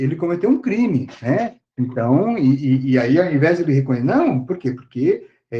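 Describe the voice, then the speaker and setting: Professor over a muffled online call, mellow tone, talks casually, lots of fillers and tag questions. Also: male voice, a little high. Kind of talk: online class lecture.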